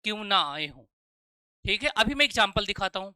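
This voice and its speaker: A man teaching a live online exam-prep class. He keeps asking "okay?" to check that his students follow, calls them "children," and drills sounds slowly one at a time. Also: high-pitched, expressive, bright, forceful tone, smooth, no echo, studio quality. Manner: calls students 'children' and 'dear'.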